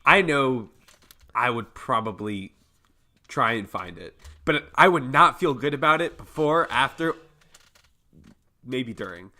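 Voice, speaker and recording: Bright-voiced young man, wry and offhand. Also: medium pitch, lively intonation, a little slow, pauses often. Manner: wry, offhand jokes, hedging with "I mean". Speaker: podcast co-host. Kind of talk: casual podcast banter.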